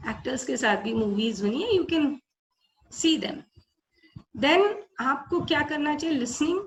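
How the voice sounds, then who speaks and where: A woman's voice: high voice, slight background noise, low-quality recording. An older woman from India giving a webinar lecture, explaining patiently and switching between Hindi and English. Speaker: webinar speaker.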